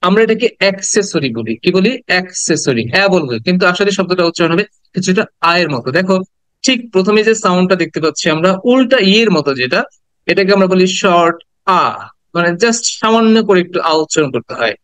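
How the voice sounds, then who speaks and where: A man with a Bangladeshi accent teaching English pronunciation to a class, mixing Bengali and English and slowly repeating each word for students to say after him. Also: sits high, animated, fairly bright tone, smooth, no echo, rough recording.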